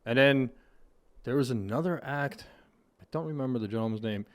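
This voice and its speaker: Speaking at normal speed with a medium-pitched voice, this podcast host, a man in his thirties, chats casually in an interview. He rambles thoughtfully and restarts sentences, working from a home studio lined with hexagon panels, using a boom-mounted mic and headphones.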